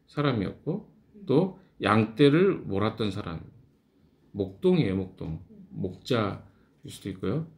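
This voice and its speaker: A man's voice: lowish voice, creaky, darkish tone. A middle-aged male pastor leading a morning devotional Bible study, talking conversationally and answering his own questions.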